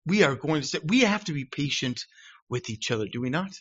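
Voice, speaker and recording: A middle-aged man preaching a sermon in church, animated and self-deprecating, acting out shouted quotes. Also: on the high side, a little fast. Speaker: pastor. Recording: dull lo-fi recording.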